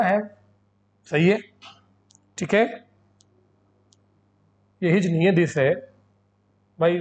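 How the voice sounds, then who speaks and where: A man's voice: on the high side, highs cut off. A man teaching English grammar in a coaching lecture, chatty and scolding as he acts out his students.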